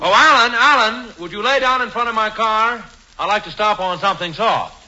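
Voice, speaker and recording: A smug, boastful rich young playboy drawls his wisecracks in a high, swooping voice. It is a 1940s radio comedy on a muffled, hissing old broadcast. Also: animated, fairly quick.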